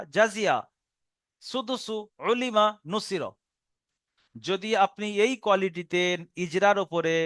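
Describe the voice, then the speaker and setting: A man teaching Quran reading with a Bengali accent, explaining each step patiently and spelling out syllables slowly. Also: high voice, fairly bright tone, clean tone, no room sound, studio quality. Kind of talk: recorded online lesson.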